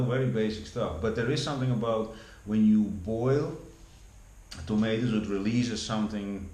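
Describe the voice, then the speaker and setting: In a slightly mellow, fairly low voice, a Dutch-accented vlogger from the Netherlands, aged in his forties, talks casually and aimlessly, with restarted sentences and repeated words. There is a noticeable echo in the room and a faint hum behind him.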